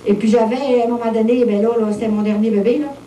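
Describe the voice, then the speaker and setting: A woman's voice: fairly high pitch, steady tone, quick pace, dark tone, slight background noise. A Québécois woman in her fifties, giving a plain-spoken personal testimony full of little fillers. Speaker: testimony speaker. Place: monastery room with visitors. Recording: roomy echo, distant mic, faint ambience.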